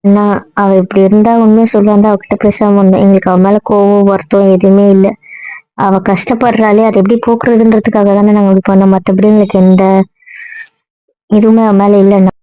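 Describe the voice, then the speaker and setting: ஒரு பெண் நடிகை, நேரடியாகவும் கடிந்துகொள்ளும் விதமாகவும் பேசும் இளம் பெண்ணாக நடிக்கிறார். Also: female voice, medium pitch, little pitch movement, smooth, no room sound, natural voice. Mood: calm. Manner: quick, blunt, scolding. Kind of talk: web serial acting. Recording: dry dull lo-fi sound.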